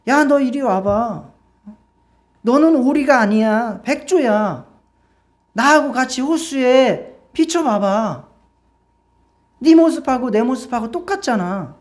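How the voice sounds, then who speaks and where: A woman's voice: a little high, animated, takes it slowly, pauses often. A woman preacher voicing a flock of friendly swans who coax and welcome a lost bird in a sermon story. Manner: friendly, coaxing.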